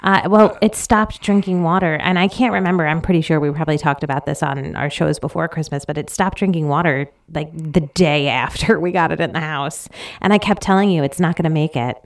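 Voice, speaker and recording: A woman's voice: low voice, a little fast, hardly any pauses. A woman in her thirties co-hosting a podcast in casual chat, rambling and teasing. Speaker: podcast co-host.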